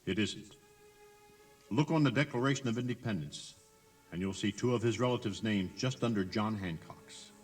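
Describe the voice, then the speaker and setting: With a fairly low pitch and moderate pace, a man delivers scripted, dramatized tour narration in an emphatic, theatrical storytelling style. It comes from a 1980s cassette tour tape with music behind him.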